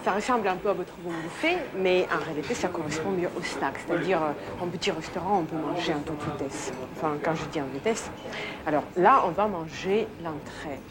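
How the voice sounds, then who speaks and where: Brief: female Russian-native tutor, lowish voice, chatty explainer, crowded restaurant behind. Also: brisk, over a noisy crowd. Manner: chatty, explains dishes step by step. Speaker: Russian teacher. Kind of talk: casual on-location explaining. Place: busy restaurant.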